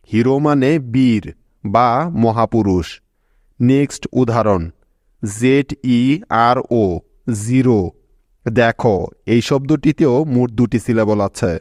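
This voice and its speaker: Patient man teaching spelling slowly. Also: medium pitch, a little mellow, no room sound, studio quality. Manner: slow, patient, spells letters out one by one. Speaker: English teacher. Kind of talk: scripted lesson narration.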